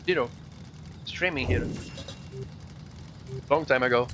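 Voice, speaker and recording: A man live streaming a racing game, chatting casually with his viewers in halting, non-native English. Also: fairly high pitch, noisy background. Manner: chatty, addresses viewers directly. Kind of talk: casual chat while gaming.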